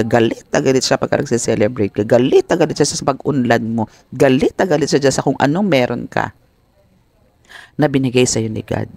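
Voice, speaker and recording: Man, tarot reader talking to viewers; gravelly, dry close sound, expressive and polite. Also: mid-range voice, no echo. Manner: polite, addresses viewers with respectful terms; mixes English phrases into speech. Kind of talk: tarot reading talk to viewers.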